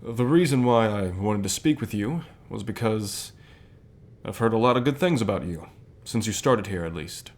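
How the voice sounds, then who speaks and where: In a lightly acted, intimate ASMR roleplay, a man plays a calm company boss with a fairly low voice, speaking in a measured, unhurried way with pauses between phrases. The softly acted one-sided dialogue is warm, sincere, encouraging and lightly flirtatious.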